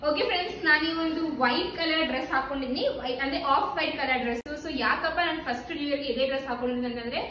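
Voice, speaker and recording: A woman's voice: high-pitched, very fast, hardly any pauses, pushed and bright, slight background noise. A young woman vlogging casually with her family, talking straight to her viewers as friends. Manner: chatty, addresses viewers as friends.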